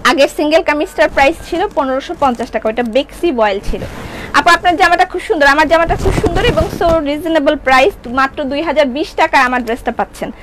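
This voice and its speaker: A woman's voice: sits high, fast talker, fairly bright tone, slight background noise. A woman with a Bangladeshi Bengali accent presenting her clothing line on a live sales stream, chatty, reading out viewer comments and slipping in English words. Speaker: clothing shop owner.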